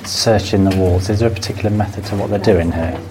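A man's voice: low voice, steady tone, fast, a crowd in the background. A man interviewing and commentating on location from inside an echoey, narrow tunnel. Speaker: interviewer, reporter. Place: narrow low mine tunnel. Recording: echoey tunnel, background noise.

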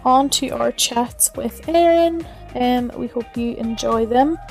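Higher-voiced Irish woman hosting a podcast. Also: takes it slowly, creaky, a little mellow, soft background music. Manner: informal, loosely phrased. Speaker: podcast host. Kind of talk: casual chat.

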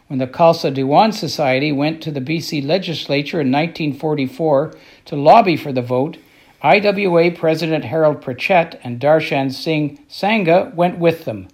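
Man, scripted documentary narration, slightly high-pitched voice.

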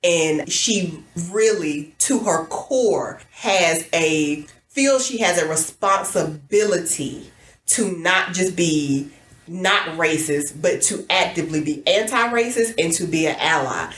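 A woman with a low voice co-hosts a podcast in easy conversation. She talks things through with fillers and laughs often. The recording has a noticeable echo, as in a bare room. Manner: thoughtful, laughs easily, many fillers. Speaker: podcast co-host. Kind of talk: casual podcast chat.

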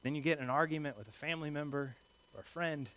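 A male pastor preaching a sermon in a lively, conversational way, with jokes mixed in. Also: on the high side, quick pace, slight background noise.

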